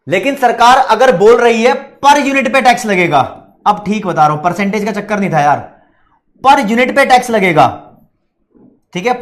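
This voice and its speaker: Indian guy teaching exam prep online, high voice, keeps repeating points to students. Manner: chatty, repetitive, mixes English terms into Hindi; addresses students directly, reads their questions.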